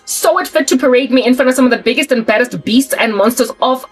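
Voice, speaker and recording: Faint music sits behind this South African woman, in her forties, as she speaks fast in a voice on the high side. Talking casually to camera, she rants emphatically in colloquial language, with repeated and restarted words.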